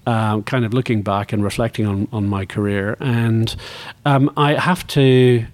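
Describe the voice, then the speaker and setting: A man of sixty from Northern Ireland, a motor racing executive, reflects as a guest in a conversational interview. His voice sits lowish and darkish, with fairly even intonation and a slightly slow pace.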